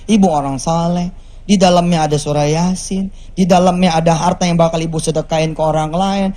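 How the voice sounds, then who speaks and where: A man voicing a kindly male angel disguised as a stranger, speaking in a gentle, reassuring way. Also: a little high, steady tone, brisk, pitched below the performer's own voice, natural voice.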